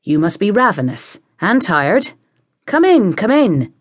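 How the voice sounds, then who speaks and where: A woman's voice: mid-range voice, sing-song, measured pace, no echo, studio quality. A woman voicing a middle-aged farmer's wife who welcomes guests eagerly. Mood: welcoming.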